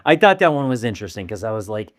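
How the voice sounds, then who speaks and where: A man's voice: on the low side, very animated, rapid-fire, no echo. A young man co-hosting a casual podcast, rambling with restarts and casual swearing. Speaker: podcast co-host. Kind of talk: casual chat.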